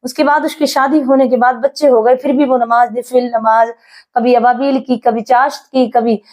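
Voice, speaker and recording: A woman's voice: fairly high pitch, steady tone, moderate pace, a little mellow. A woman preacher giving an earnest religious sermon, telling a story and addressing listeners as dear brothers.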